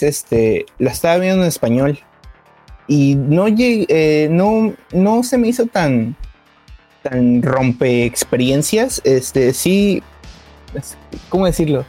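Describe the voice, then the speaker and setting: A man's voice: fairly high pitch, animated, slow pace, mellow, faint music behind. A man with a Mexican accent chatting casually on a podcast, rambling with lots of filler words and restarts.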